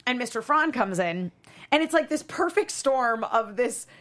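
A woman's voice: on the high side, animated, normal speed, a bit bright. A woman co-hosting a podcast, recapping an episode in casual chat, rambling with lots of fillers and restarts. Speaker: podcast co-host.

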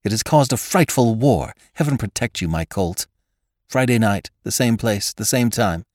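A man's voice: on the low side, expressive, normal speed, darkish tone, dry recording, clean studio sound, natural voice. A man reading aloud gives voice to a proud, imperious stage actress who gives orders in a haughty, commanding way.

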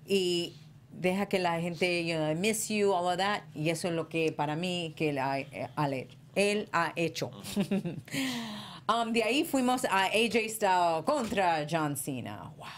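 A woman hosting a casual panel chat, expressive and emphatic, slipping between Spanish and English. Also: lowish voice, unhurried. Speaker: host of a wrestling talk show. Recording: noticeable background noise.

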